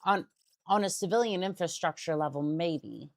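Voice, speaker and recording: A woman's voice: on the low side, normal speed, dry recording. A young adult woman streamer chatting casually while playing a game, rambling and often restarting her sentences. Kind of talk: casual gaming stream chat.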